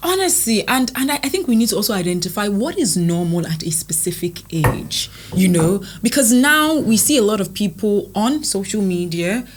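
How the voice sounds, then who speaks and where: A woman co-hosting a casual chat, telling stories in an animated way with acted-out asides. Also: medium pitch, moderate pace, few pauses. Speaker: podcast co-host.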